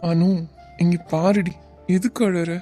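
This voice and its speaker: A woman voicing a gentle young man in love, soft and coaxing, in an animated web series. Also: lowish voice, takes it slowly, soft background music. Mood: tender.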